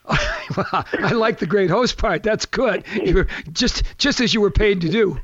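The folksy, chatty radio host is an older man whose fairly high voice has a touch of hoarseness. He takes it slowly, and his pitch swings hugely. The close, dry sound is slightly dull and muffled yet also a bit bright.

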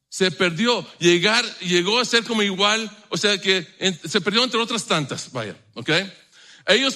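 A middle-aged man delivers a sermon in a relaxed, conversational manner. His voice sits high and rings bright, and he keeps turning to the congregation with rhetorical questions. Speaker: pastor.

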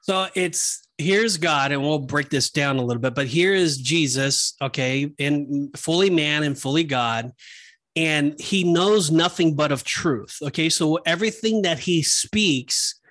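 A man's voice: a little high, a little slow, a bit bright, no room sound. Earnest man explaining scripture. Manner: earnest explaining, fond of slang, laughs at himself. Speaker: podcast co-host. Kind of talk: casual Bible study chat.

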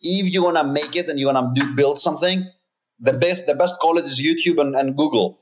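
Slight background noise sits under a man's somewhat high, brisk voice. He's a thirty-something founder of a company, originally from Greece, appearing as a guest in casual interview talk, speaking with earnest emphasis and repeatedly restarting sentences.

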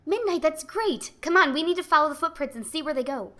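A woman playing a level-headed, exasperated assistant detective in an old-style radio drama, brisk and earnest. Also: high voice, lively intonation, pushed and bright, soft background music. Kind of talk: 1940s radio acting.

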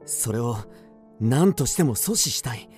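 A man's voice: medium pitch, lively intonation, unhurried, darkish tone, faint music behind, lightly acted. An actor playing an agitated, obsessed man recounting an eerie mystery in dramatic radio drama narration, with theatrical swings. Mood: determined, tense. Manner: suspenseful, theatrical, with sudden swings.

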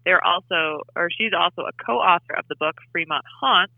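A woman's voice: lowish voice, normal speed, creaky, dry recording, phone-quality sound. A woman co-hosting a podcast in casual chat, calling in remotely, with her voice sounding slightly robotic. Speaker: podcast co-host.

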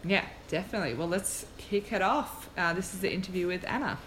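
In a mid-pitched voice and at a fairly quick pace, a podcast host talks casually, as if in a relaxed conversation, reflecting and working through ideas out loud. The recording is rough, with slight background noise.

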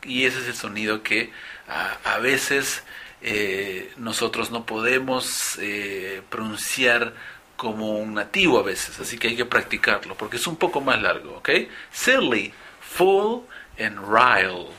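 A man teaching English pronunciation in Spanish, explaining slowly and repeating example words for listeners. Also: fairly low pitch, sharp tone, slight background noise. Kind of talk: pronunciation lesson.

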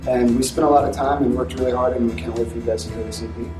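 A man from Memphis talks about his band's music. He sounds far from the mic in a roomy space. Clear music plays behind him. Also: mid-range voice, steady tone, rapid-fire. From Memphis, USA. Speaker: band guitarist and singer. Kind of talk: promo video interview.

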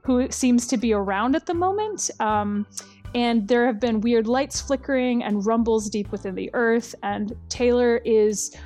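A woman's voice: fairly high pitch, measured pace, a little mellow. A woman casually recapping a storyline, wry and chatty, with lots of ums and uhs.

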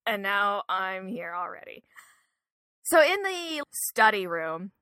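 Bright chatty woman recapping a film. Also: medium pitch, big pitch swings, slow pace, clear, resonant tone, dry recording. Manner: chatty plot recapping, giggly. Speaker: podcast co-host. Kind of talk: casual movie review chat.

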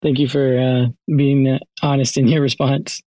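Flat-toned hesitant male host. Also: mid-range voice, normal speed, no room sound. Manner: hesitant, searching for words. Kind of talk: casual interview chat.

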